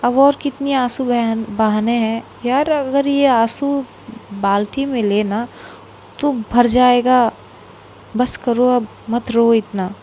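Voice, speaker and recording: A woman's voice: steady tone, slow, dull audio, a little hiss or hum. Woman doing a caring young woman, soothing. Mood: teasing scold. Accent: Bengali. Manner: soothing then teasing, a bit higher and brighter.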